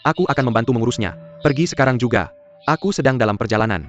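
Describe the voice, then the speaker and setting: A man dubbing a calm, assured young male executive, speaking in a firm, reassuring way, on a dull recording with faint music underneath. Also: mid-range voice, quick pace, natural voice. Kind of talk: dubbed drama dialogue.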